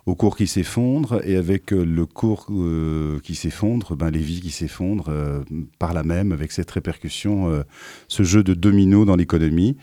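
A man's voice: sits low, moderate pace, mellow, dry recording, clean studio sound. A man speaking as a guest on a radio interview, articulate and enthusiastic but with fillers. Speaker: radio guest, university theatre organiser.

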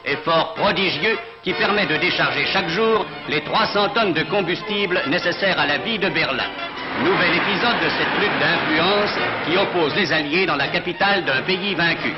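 A man's voice: fairly high pitch, moderate pace. A man narrating an old newsreel in a formal, declamatory style. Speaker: newsreel announcer. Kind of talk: scripted 1940s newsreel commentary. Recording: dull lo-fi archival film sound with loud music.

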